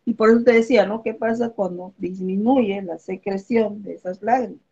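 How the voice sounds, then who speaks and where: A woman's voice: medium pitch, normal speed, gravelly, warm tone, husky, lo-fi sound. A woman teaches a biology review lesson, walking through examples and checking in with her students as she goes. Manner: explains with everyday examples, checks in with "¿ok?" and "¿ya?".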